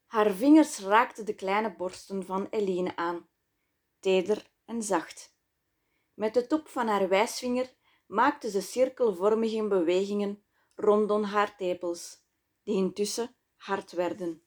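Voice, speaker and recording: A woman reading her own book aloud in slow, measured, intimate scripted narration. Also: medium pitch, fairly even intonation. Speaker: author and narrator.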